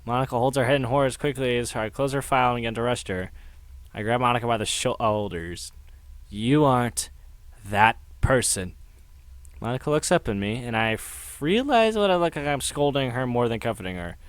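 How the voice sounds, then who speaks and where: A man's voice: mid-range voice, lively intonation, quick pace, smooth, no echo. A man reading a fan fiction story aloud, stumbling over words, laughing at his slips and throwing in swearing asides.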